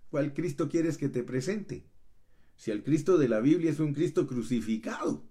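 Male pastor, mid-pitched voice, impassioned sermon delivery with loud and soft swings. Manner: fervent preaching, often addressing listeners as brother; swings between loud emphatic runs and soft hushed asides.

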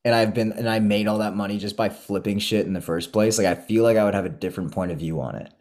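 A man's voice: lowish voice, steady tone, fast, a little mellow. A young man hosting a podcast, chatting casually, swearing freely and peppering his talk with "like.". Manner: laid-back, swears a lot, fills talk with "like". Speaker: podcast host. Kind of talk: casual chat.

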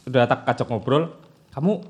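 A man's voice: fairly high pitch, quick pace, muffled recording. A man telling a story in casual chat, acting out what people said. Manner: animated storytelling, acting out quotes.

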